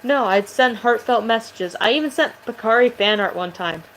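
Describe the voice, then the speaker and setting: A woman's voice: a little high, moderate pace, slight background noise, rough recording. A woman vlogger chatting casually to camera, rambling and swearing, with a voice that sounds aggressive.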